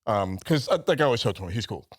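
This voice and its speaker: A man's voice: on the low side, expressive, fast talker, slightly rough. A man from Brooklyn co-hosting a podcast, telling a story loosely with frequent laughs and swearing. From Brooklyn, New York. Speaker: podcast co-host. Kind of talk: casual storytelling chat.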